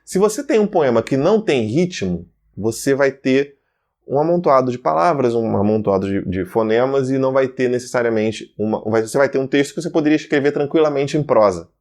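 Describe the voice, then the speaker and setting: A man's voice: mid-range voice, brisk. A man with a Brazilian Portuguese accent teaching verse forms to students, working through terms one by one and checking in with "certo?" and "ok?". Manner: lists terms one by one in a steady rhythm.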